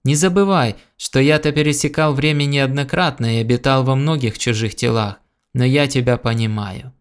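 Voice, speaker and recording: A man's voice: medium pitch, normal speed, clean tone, close to an everyday voice. Easygoing alien prince, friendly, voice lifted a touch, a male reader doing him.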